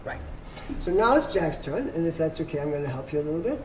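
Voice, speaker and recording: With a very animated, quick, medium-pitched voice, someone hosts a board game and patiently explains the rules to the players at the table. They teach carefully and check for understanding, against the background ambience of a noisy room.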